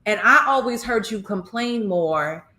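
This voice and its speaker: Expressive woman host in an echoey room. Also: medium pitch, measured pace. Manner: engaged, expressive, affirming with frequent mm-hmms. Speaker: podcast host. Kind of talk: casual interview conversation.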